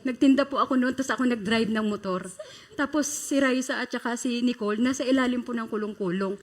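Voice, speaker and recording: A woman's voice: a little high, fairly quick. A middle-aged woman, a mother appearing as a TV guest, speaking earnestly and politely.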